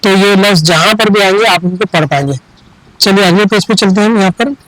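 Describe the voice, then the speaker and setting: Patient teacher spelling out letters. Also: male voice, sits high, a bit bright, no room sound, rough recording. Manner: drills short phrases slowly for repetition. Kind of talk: slow spelled-out reading lesson.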